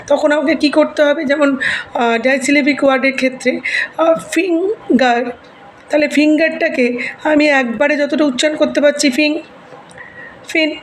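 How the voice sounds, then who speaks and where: A woman teacher explaining a lesson slowly and carefully, mixing in English words and sounding them out. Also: high-pitched, a little hiss or hum, poor audio.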